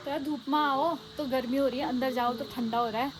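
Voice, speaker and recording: Chatty vlogger woman with a high voice. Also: fairly even intonation, brisk, a loud crowd, poor audio. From Uttarakhand, India. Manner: chatty, showing things to viewers. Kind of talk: casual vlog chat. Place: outdoors in a cold hill town.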